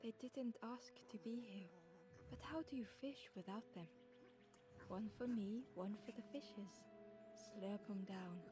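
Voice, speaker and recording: Storybook game narrator played by a woman, mid-pitched, gentle and wistful, prominent music underneath. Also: slow pace, lightly acted. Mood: musing, confiding. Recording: music behind the voice.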